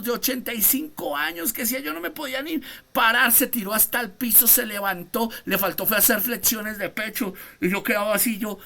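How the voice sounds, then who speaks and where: Apostle-teacher, bright forceful voice, emphatic preaching style, remote class on a video call. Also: mid-range voice. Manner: emphatic, calls on listeners by name, rhetorical questions. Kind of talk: fervent preaching lesson to students.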